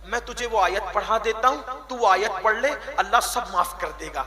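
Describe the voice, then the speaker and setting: A man preaching a sermon at a religious gathering, telling a story with emotion, voicing its people and breaking into sudden shouts. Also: high voice. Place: outdoor gathering.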